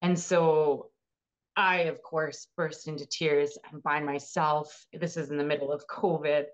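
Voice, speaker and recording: With a low, fairly monotone voice and a measured pace, a cancer patient in her thirties shares her own story in an interview, earnestly and emotionally. The sound quality is lo-fi.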